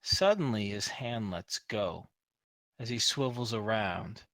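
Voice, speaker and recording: A man's voice: lowish voice, lively intonation, takes it slowly, fairly bright tone, no echo. A man acting as game master, narrating and refereeing a tabletop role-playing game in a conversational, explanatory way.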